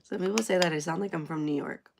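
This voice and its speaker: A woman's voice: sits low, quick pace, vocal fry, background noise. A young woman from Canada chatting casually on a live stream at home, answering viewer comments and trailing off in places. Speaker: livestreamer.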